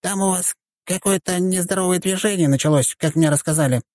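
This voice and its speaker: A man voicing a small, mischievous male deity who talks in a soft, familiar, whiny way, in an audiobook. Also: sits high, a little fast, no room sound, voice pushed up, natural voice. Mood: chummy.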